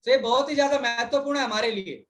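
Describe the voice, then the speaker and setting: A man's voice: very high voice, fast, fairly bright tone. Man interpreting over a video call. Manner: fluent, restates each point in full. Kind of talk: consecutive interpretation.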